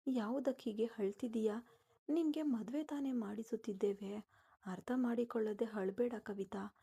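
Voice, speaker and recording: A woman's voice: on the high side, moderate pace, gravelly, dark tone, slightly rough. Woman voicing a worried, pleading mother. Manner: pleading, sympathetic.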